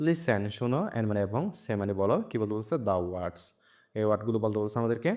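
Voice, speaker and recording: A young man teaching a textbook lesson, reading each English phrase slowly and then translating it word by word. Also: on the low side, darkish tone.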